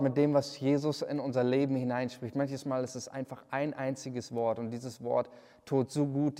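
A man's voice: mid-range voice, dark tone, in a large hall. A man preaching a livestreamed sermon, earnest, often repeating words and restarting his sentences. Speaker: pastor.

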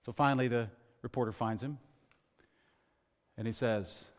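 Storytelling preacher in a reverberant church. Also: male voice, medium pitch, steady tone, normal speed. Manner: storytelling, swelling to emphatic loud phrases. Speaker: pastor. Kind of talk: sermon. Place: church sanctuary.

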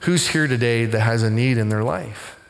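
A middle-aged man, a pastor, telling a story in a conversational sermon and growing animated as he recounts it. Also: normal speed, creaky. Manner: conversational, animated when retelling, rising pitch in excitement. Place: church sanctuary. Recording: long hall reverb in a church.

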